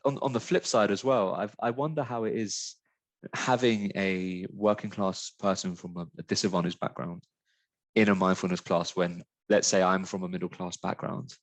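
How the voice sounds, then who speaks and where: A very low-pitched man from the UK muses aloud as a mindfulness teacher in a webinar. He talks in a searching, earnest way, full of "like" and "um" and restarts. The sound is close and dry, with no room around it. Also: fairly even intonation, normal speed, dry recording. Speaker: mindfulness teacher, company founder. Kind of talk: reflective webinar conversation.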